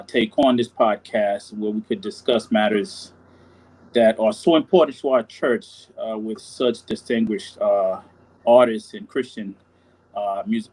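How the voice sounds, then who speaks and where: Haiti-born male music director, gentle and halting, speaking on a video call panel. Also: lowish voice, rough recording. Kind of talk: live-stream panel introduction.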